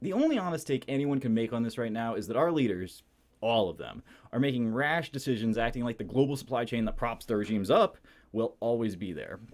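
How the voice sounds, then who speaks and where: Sarcastic male commentary host, lively pitch. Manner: sarcastic, mocking asides. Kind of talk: scripted commentary monologue.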